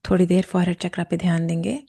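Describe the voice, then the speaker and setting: Slow, calm Hindi meditation teacher, gravelly. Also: female voice, fairly low pitch. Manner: slow, calm instruction with softly chanted verses. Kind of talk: guided chakra meditation lesson with chanting. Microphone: camera and mic.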